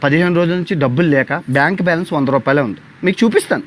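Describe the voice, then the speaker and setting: A young man with a Telugu accent talks very fast in a sarcastic, theatrical, pleading rant into a phone, his voice sitting a little high. A faint ambient hiss runs under him. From India. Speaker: travel vlogger on a livestream. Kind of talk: mocking livestream rant.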